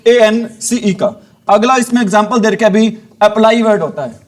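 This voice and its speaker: High-voiced Hindi teacher quizzing his class. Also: moderate pace. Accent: Haryanvi Hindi. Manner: asks students questions and answers them himself, repeating each rule. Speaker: spelling teacher. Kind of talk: classroom lesson.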